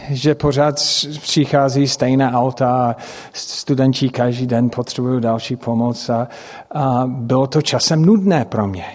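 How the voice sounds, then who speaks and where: A middle-aged man, a native English speaker speaking with an English-speaking accent, preaches through personal stories, haltingly searching for words and making grammatical slips. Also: mid-range voice, a little mellow. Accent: English-speaking accent in Czech. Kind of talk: sermon with personal storytelling. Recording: long hall reverb.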